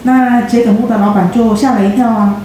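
A woman explaining and retelling a folk tale for learners, relaxed and using many filler words. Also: fairly high pitch, unhurried, slight background noise. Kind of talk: storytelling explanation. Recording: very echoey room.

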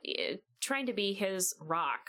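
A woman's voice: medium pitch, very animated, slow pace, sharp tone. A woman in a casual podcast chat about a film, talking animatedly and quoting characters in passing.

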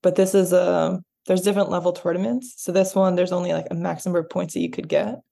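Young woman, super fry-heavy voice, dark and low-ish, explaining stuff. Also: level tone, fast. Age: young adult. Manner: explanatory, uses "like" a lot. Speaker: guest, beach volleyball player. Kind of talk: casual interview chat.

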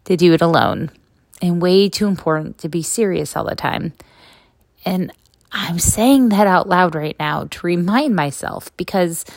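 A woman's voice: on the low side, no room sound. A middle-aged woman hosting a casual podcast monologue in a candid, conversational way, often checking in with a "right?", recorded outside a proper studio. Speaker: podcast host. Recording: makeshift non-studio recording.

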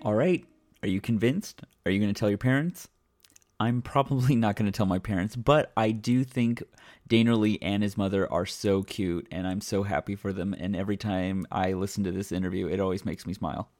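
A man's voice: fairly low pitch, a little fast, a little mellow. A man hosting a podcast, talking casually in a blunt, crude way with a slight lisp. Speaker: podcast host.

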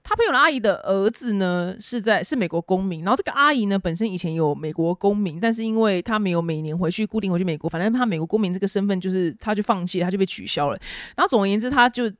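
A woman's voice: mid-range voice, very fast, dry recording, studio quality. A woman hosting a casual news podcast, chatty and exasperated, ranting with sarcastic asides. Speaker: podcast host.

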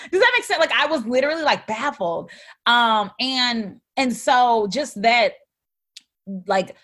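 A woman co-hosting a podcast in casual conversation, rambling with frequent fillers and restarts, and getting animated and expressive when she tells a story. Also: mid-range voice.

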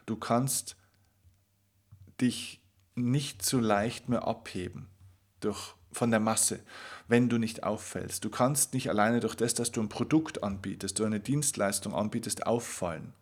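A man hosting a podcast episode, giving an emphatic motivational monologue straight to the listener and slowing down to stress key words. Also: fairly low pitch. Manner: addresses the listener directly. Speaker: podcast host.

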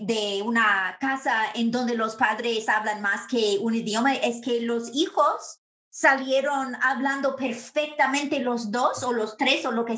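A woman's voice: a little high, a bit bright. A woman interviewing a guest, giving brief, encouraging responses and questions. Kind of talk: conversational interview. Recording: roomy echo.

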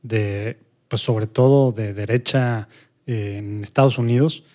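A man co-hosting a casual podcast, thinking aloud with frequent pauses, restarts and tag questions. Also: fairly low pitch, fairly even intonation, mellow. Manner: hesitant, searching for words, many tag questions. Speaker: podcast co-host.

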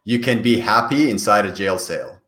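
Speaking over a call as a podcast guest, this Iranian-raised man, whose native tongue is Farsi, answers interview questions earnestly. His fairly low, fairly bright voice is animated and moves at a moderate pace, and he often restarts sentences and repeats words.

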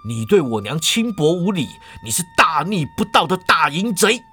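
A man voicing a furious, vulgar young swordsman who shouts and curses accusations. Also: mid-range voice, sing-song, moderate pace, soft background music. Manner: shouting, cursing.

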